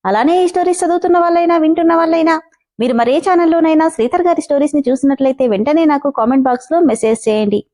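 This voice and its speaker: Female channel host narrating a serial story; high pitch, soft dark tone, friendly. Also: fast. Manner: friendly direct address to listeners. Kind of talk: reading a serialized story aloud.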